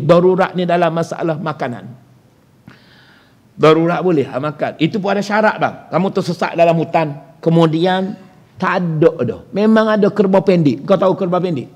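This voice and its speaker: In a prayer hall one evening, a religious teacher with a Malaysian Malay accent delivers a conversational lecture in a high voice. He quizzes his listeners and calls himself Ustaz.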